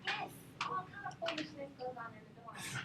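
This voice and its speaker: A woman teaching a nursing class, telling lively stories and quizzing her students. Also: high voice, brisk, noisy background. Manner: animated storyteller, quizzes the class. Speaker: nursing instructor. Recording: roomy classroom from far off.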